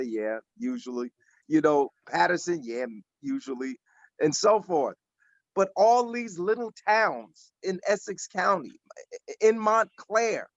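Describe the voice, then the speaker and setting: Man, 60s, emphatic activist panelist; slightly high pitch, dull dry video-call sound. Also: dry recording. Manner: earnest, emphatic, repeats himself. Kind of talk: casual discussion on a video call.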